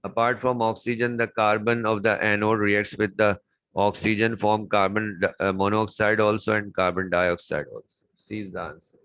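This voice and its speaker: A man's voice: fairly low pitch, little pitch movement, moderate pace, a bit bright, no echo, poor audio. A man tutoring chemistry, walking through exam questions step by step and repeating key words. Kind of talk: exam paper walkthrough lesson.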